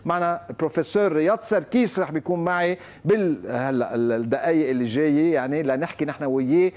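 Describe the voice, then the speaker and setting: A man's voice: fairly high pitch, quick pace, a little mellow. A man with a Lebanese accent hosting a morning TV show, chatting casually and teasing his guest. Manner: joking, teasing. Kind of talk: casual TV chat.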